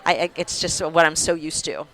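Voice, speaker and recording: A woman's voice: low-pitched, normal speed, sharp tone. A middle-aged woman who runs an art gallery, speaking in a gracious, upbeat way during a casual interview. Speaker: gallery operator. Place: expo booth.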